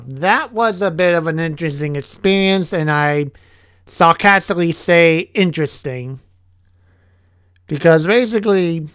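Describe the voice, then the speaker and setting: A young man telling a casual vlog story about his year, halting often and restarting his sentences. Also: a little high, clear, resonant tone, no room sound, clean studio sound. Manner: halting, with many restarts and fillers. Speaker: vlogger, English teacher.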